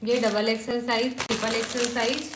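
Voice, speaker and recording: A woman with a Chhattisgarhi accent chats her way through a clothing sale, coaxing viewers along with little tag questions. Her voice bounces around an echoey room. Steady background noise sits under her talk. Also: a little high, normal speed. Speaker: vlogger selling clothes. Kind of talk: casual sales vlog.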